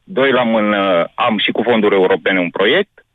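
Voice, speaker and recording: A man's voice: fairly low pitch, dry recording. A man calling in to a radio show, talking insistently and repeating himself. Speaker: caller. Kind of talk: phone-in call. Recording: tinny phone line.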